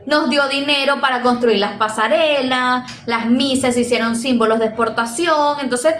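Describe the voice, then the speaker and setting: A woman's voice: high-pitched, normal speed, fairly bright tone. A woman with a Venezuelan Caribbean Spanish accent gives an informal lecture as a teacher, conversational and hesitant, often rephrasing and checking in with listeners. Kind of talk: informal lecture, explaining to students. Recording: echoey room with faint background noise.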